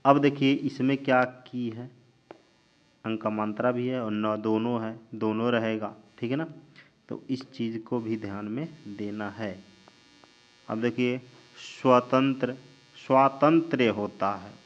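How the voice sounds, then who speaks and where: A male teacher giving a spelling lesson, drawing out each word slowly and answering his own questions. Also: mid-range voice, steady tone. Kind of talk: spelling lesson while writing on a board. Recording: dull lo-fi recording with mains hum.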